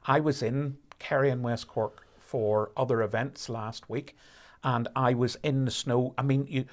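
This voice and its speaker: A man commentating on a rally live stream, explaining conditions in a measured way with fillers and restarts. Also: medium pitch, fairly even intonation.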